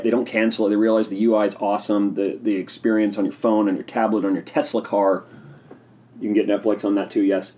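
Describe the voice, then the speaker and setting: A man hosting a casual solo podcast, talking in an excitable, rambling, opinionated way while sipping a drink. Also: on the low side. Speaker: podcast host.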